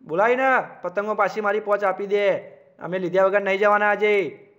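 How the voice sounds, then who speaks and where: A man playing a brash young man who loudly and bossily demands his kites back in a comedy sketch. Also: high voice, fairly even intonation, moderate pace, lo-fi sound. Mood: demanding. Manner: loud, bossy, quarrelsome. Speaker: comic actor. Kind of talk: rustic slapstick comedy sketch.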